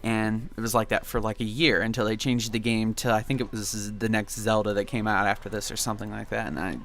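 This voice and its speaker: A man's voice: lowish voice, little pitch movement, brisk, fairly bright tone. A young man reminiscing casually in gameplay commentary, with a laid-back, rambling and nostalgic way of talking. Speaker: video game commentary host.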